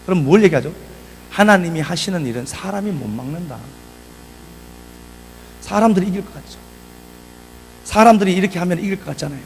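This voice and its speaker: Male pastor, slightly high and gravelly voice, chatty sermon style with casual asides. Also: animated, fairly quick, long pauses, slight background noise, rough recording. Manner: conversational preaching, reads scripture and breaks into casual asides. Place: church.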